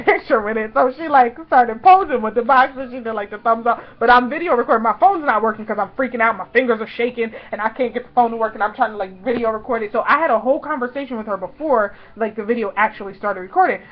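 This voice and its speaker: A woman vlogger telling a personal story in an excited, gushing way, full of "like" and "y'all". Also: fairly high pitch, quick pace, hardly any pauses. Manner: gushing, breathless, lots of "like" and "y'all". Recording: dull lo-fi recording.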